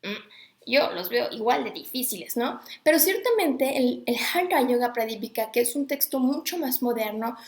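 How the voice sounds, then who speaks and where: Woman rambling friendly-like about recitation, kinda high voice, echoey room. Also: animated, normal speed, few pauses. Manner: chatty, digressive, greets viewers mid-talk. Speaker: host. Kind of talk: casual live talk on Sanskrit recitation.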